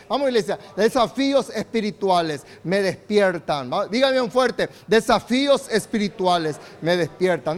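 A man with a very high voice preaches in with emphatic fervor. He calls on the congregation to repeat phrases back to him. He acts out the quoted lines of biblical figures. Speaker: pastor. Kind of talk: sermon.

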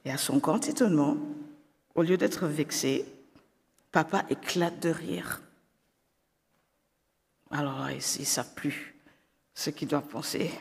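Slow gravelly storyteller in a reverberant hall. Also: medium pitch. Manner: hesitant, with frequent fillers.

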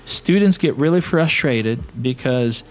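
A Brazilian-accented man teaches English as host of a conversational teaching podcast, his medium-pitched voice animated and unhurried over soft background music. He's encouraging, asks listeners questions, and often says "you know" and "okay?".

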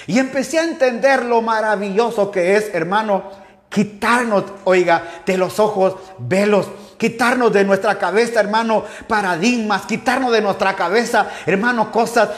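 Man, Ecuadorian accent, high-pitched, fervent pastor, sermon. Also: moderate pace. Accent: Ecuadorian Spanish. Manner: fervent, repeatedly addressing listeners as "hermano". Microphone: livestream mic.

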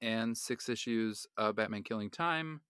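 Bright-voiced man, matter-of-fact. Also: lowish voice, a little slow, smooth, no room sound, studio quality. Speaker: podcast co-host. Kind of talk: casual comics podcast chat.

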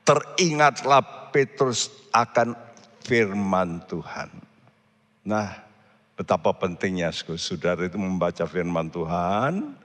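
A man's voice: low voice, animated, takes it slowly, fairly bright tone, long reverb tail. A man preaching a sermon, earnestly and often addressing the congregation directly. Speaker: pastor.

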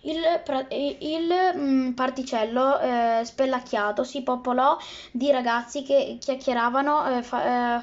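A woman's voice: high-pitched, muffled recording. A woman reading a children's novel aloud, stumbling often and restarting words. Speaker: reader.

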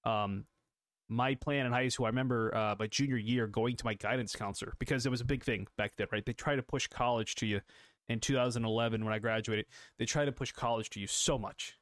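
A man's voice: mid-range voice, steady tone, a little fast, fairly bright tone, no room sound, studio quality. A young adult man hosting a solo motivational podcast, coaching listeners, repeating phrases and asking rhetorical questions. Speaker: podcast host.

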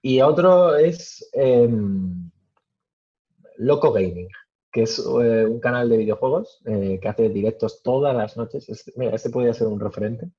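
A man answering interview questions casually, with many fillers and pauses. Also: mid-range voice, mellow, breathy edge, lo-fi sound. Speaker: podcast guest.

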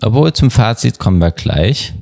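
A man's voice: on the low side, big pitch swings, normal speed, gravelly, a little mellow. A man co-hosting a book podcast, chatting casually in a loose, rambling way that interrupts itself. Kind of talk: casual chat.

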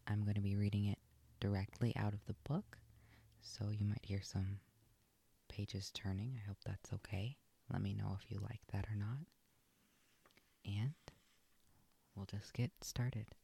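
A reader giving a whispered storybook reading in a soft, hushed, slow way, with pages turning. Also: deep voice, level tone, creaky, breathy edge.

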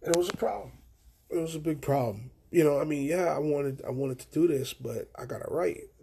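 A man's voice: fairly high pitch, fairly quick, creaky, warm tone, slightly rough. A young man hosting a solo podcast, telling long rambling stories in casual, profane slang. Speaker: podcast host.

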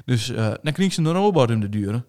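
A man's voice: mid-range voice, very animated, brisk, a little mellow. Man with a broad eastern Dutch accent. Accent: eastern Dutch regional (Low Saxon). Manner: broad dialect speech. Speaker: interviewer. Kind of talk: casual conversation in dialect.

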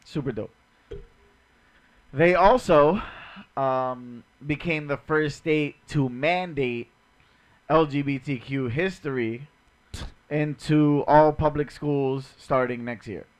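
A man's voice: on the high side, takes it slowly. A man co-hosting a casual podcast chat, talking in loose slangy banter and swearing freely. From Dominican family ties. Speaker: podcast co-host.

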